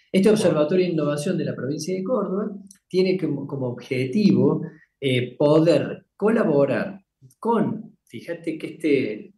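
A man, a company founder, explaining ideas in a measured way with frequent tag questions. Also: fairly high pitch, darkish tone, echoey room. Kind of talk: casual business interview.

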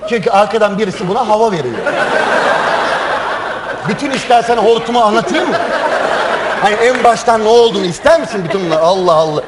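High-pitched teasing male comedy host. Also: fast, pauses often, very noisy. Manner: teasing, joking with participants. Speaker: show host. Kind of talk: informal live comedy banter. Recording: live show, music and crowd behind. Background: music and a lively crowd.

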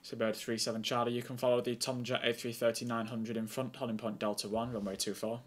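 A young man streaming as an air traffic controller, chatty and excitable between calm, clipped radio instructions. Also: mid-range voice, fast talker. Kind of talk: casual streaming chat and radio calls.

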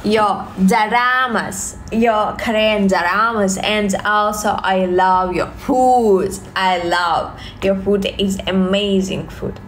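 A young woman from Russia with a Russian accent, livestreaming from her phone at home, reading viewer questions and answering in slow, halting English full of fillers and repeated thanks. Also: mid-range voice, fairly even intonation, a little hiss or hum. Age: young adult. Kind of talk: live stream chat reading viewer comments. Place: home, indoors, small room. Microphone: phone at arm's length.

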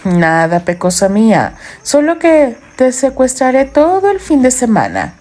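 A woman's voice: sits high, huge pitch swings, measured pace, a little mellow, heavily acted. A woman voicing a playful, affectionate young husband who teases his wife in an audiobook romance. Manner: teasing, affectionate.

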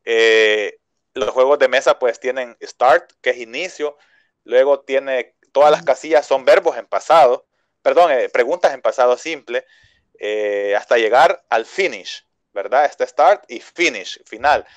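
A man's voice: mid-range voice, measured pace, no echo. A man with a Salvadoran Spanish accent, an English school owner, patiently explaining his teaching method in an interview, with many fillers and restarts.

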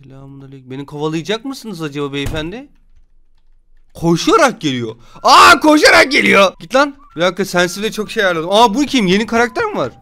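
A man giving loud, jokey commentary while playing a video game. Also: sits high, very animated, quick pace. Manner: loud, jokey, yelping reactions. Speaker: gamer streamer. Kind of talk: excited gameplay commentary.

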